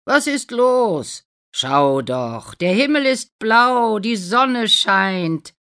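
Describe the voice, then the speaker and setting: A friendly donkey who leads the group with cheer, as a woman reading a storybook puts him on. His voice is lively and warm in tone, rising and falling freely. He talks in an encouraging way. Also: mid-range voice, drawn-out words, voice pushed up, heavily acted. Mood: cheerful.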